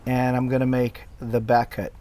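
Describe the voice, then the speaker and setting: A middle-aged man narrates his own work video in a casual, explanatory voice-over. He speaks at a middle pitch, often stopping and restarting his sentences. A faint hiss runs underneath. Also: completely flat delivery, normal speed, dark tone. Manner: plain, explanatory, with many fillers and restarts. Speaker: tree care worker explaining his video.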